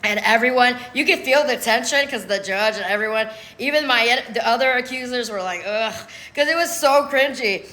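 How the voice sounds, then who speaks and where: A woman vlogger casually retells a story in a mocking, scornful way, full of restarts and filler words. Her voice is a little high, bright and forceful, and she talks briskly with hardly any pauses. The recording has a roomy echo.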